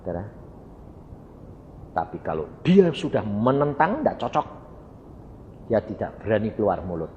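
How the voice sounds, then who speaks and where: Slow guy preaching, lively pitch, big hall echo. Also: slight background noise. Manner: storytelling, acts out dialogue, addresses audience as brothers. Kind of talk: sermon. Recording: dull reverberant hall recording.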